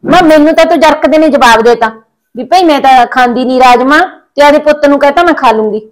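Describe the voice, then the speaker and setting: An actress playing a quick-tongued village wife and daughter-in-law in a family drama, speaking in a rapid, complaining, chatty way. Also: female voice, high-pitched, dry recording, natural voice.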